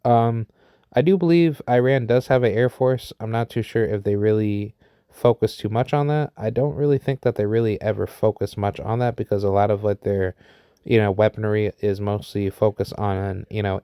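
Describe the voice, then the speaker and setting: Low, flat-voiced man rambling with fillers. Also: normal speed, clean tone, no room sound, clean studio sound. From United States. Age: 30s. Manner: rambling, heavy with fillers and restarts. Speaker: vlogger sharing opinions. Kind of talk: unscripted opinion monologue.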